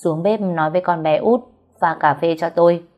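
A woman's voice: on the low side, fairly quick, close to an everyday voice. A woman voicing a cold young man who gives curt orders, on a dull lo-fi recording with faint music behind. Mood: cold commanding. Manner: curt and commanding.

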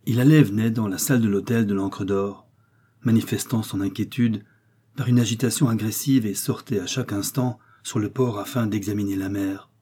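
Low, dark-voiced male audiobook narrator. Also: fairly even intonation, a little fast, husky. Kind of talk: scripted narration of a novel.

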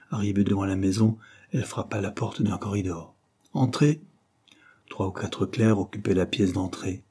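A man narrating an audiobook in a steady, even reading. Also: fairly low pitch, slightly rough. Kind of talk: scripted narration.

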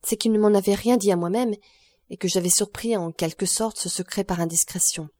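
A woman's voice: medium pitch, brisk, warm tone, dry recording, natural voice. A woman reading an audiobook, voicing an earnest young woman who speaks anxiously and affectionately to her grandfather. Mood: pleading.

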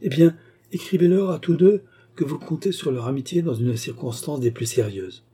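Brief: man doing a composed courtesan, higher than his own voice, husky and firm. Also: moderate pace, warm tone. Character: cool-headed resolute young courtesan woman.

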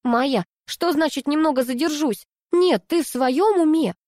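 A woman reading a story and voicing an exasperated young woman scolding her best friend in a sharp, indignant way. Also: sits high, expressive, normal speed, dry recording, clean studio sound, voice pushed up.

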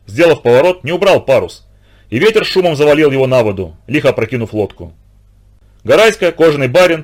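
Man, audiobook narrator, steady expressive reading, animated intonation. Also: fairly high pitch.

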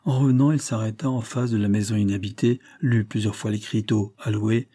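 A man narrating a classic children's novel in a measured, scripted audiobook reading. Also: on the low side, steady tone, dark tone.

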